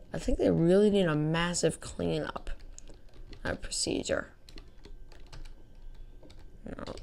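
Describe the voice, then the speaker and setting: A woman's voice: fairly low pitch, creaky. A woman hosting casual gameplay commentary, rambling and self-deprecating, with slightly slurred articulation as if talking with something in her mouth. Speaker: gaming video host. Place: indoors, voice-over at a computer.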